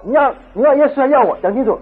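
A domineering husband pushes and badgers in a raised, insistent voice, as a preacher puts him on. His delivery is lively and pressing, and the recording is a little dull. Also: very high-pitched, rapid-fire, noisy background, voice pushed up. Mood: demanding. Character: domineering, demanding husband on the phone.

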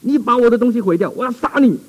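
A man voicing an evil spirit that has taken hold of another man and shouts threats at a pastor. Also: extremely high pitch, fast talker, voice pushed up, rough recording. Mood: menacing.

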